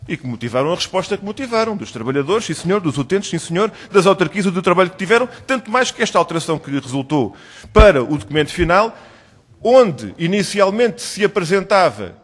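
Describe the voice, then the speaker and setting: A man speaking with a European Portuguese accent questions a government official in a parliamentary hearing. His voice sits high for a man. He presses with pointed, rhetorical questions and keeps demanding concrete answers. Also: fairly bright tone. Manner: insistent, probing, rhetorical questions. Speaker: member of parliament questioning a minister.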